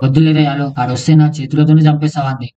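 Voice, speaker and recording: A man's voice: a little high, steady tone, racing. A man voicing rowdy young village friends in a cartoon comedy, teasing each other with crude banter. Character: bickering young village friends and bus folk. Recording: muffled, dull, noisy sound.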